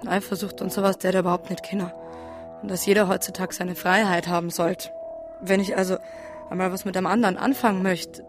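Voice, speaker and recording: In a naturalistic radio drama, a troubled wife confesses her hard youth, voiced by an actress with a Bavarian accent. She speaks in a plain, colloquial way, her female voice mid-range and natural.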